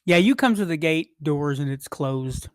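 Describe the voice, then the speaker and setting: A game master narrating a tabletop game in a halting, rambling way with many restarts. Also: mid-range voice, lively intonation, dry recording, clean studio sound.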